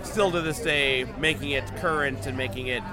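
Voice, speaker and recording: Playful man on a rooftop, loud music behind. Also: medium pitch, normal speed. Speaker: podcast guest, magazine editor. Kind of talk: casual on-location interview. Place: outdoors on a crowded bar rooftop. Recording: music and crowd noise on outdoor rooftop.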